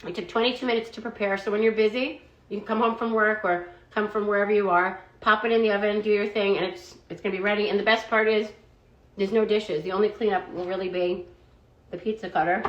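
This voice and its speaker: A woman talks through a casual product review vlog at a middling pitch, chatty and loose, leaning on "like" and "um" as she goes. Her voice carries a noticeable roomy echo. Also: fairly even intonation, a little fast, lo-fi sound. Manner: chatty, fillers of "like" and "um".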